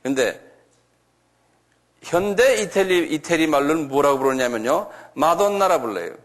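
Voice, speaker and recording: A man giving a church lecture, slowly spelling out and repeating foreign names and often asking his listeners questions. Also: high voice, a bit bright. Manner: slow, repetitive, asks the audience questions. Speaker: lecturer on creationism.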